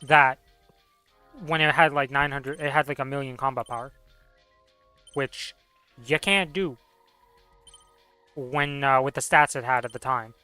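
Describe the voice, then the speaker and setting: A man's voice: medium pitch, fairly even intonation, a little slow, long pauses, sharp tone, clear, resonant tone, no echo, soft background music. A man in casual, rambling, slangy conversation while gaming as a streamer. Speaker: game streamer.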